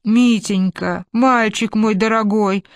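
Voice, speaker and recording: A woman reading aloud voices a fussing, anxious old grandmother in a high, fluttery tone. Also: steady tone, takes it slowly, smooth, dry recording, studio quality. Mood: tearful.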